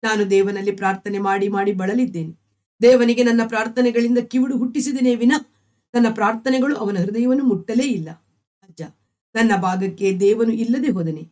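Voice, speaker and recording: Sorrowful young wife, devout and gentle, pleading, read by a woman storyteller. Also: fairly high pitch, fairly quick, lightly acted. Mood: pleading, grieving.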